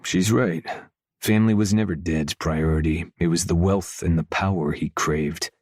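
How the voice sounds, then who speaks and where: A man reading a first-person romance audiobook in a low, intimate, measured way, close to the mic. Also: steady tone, a little mellow, no echo. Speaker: audiobook narrator.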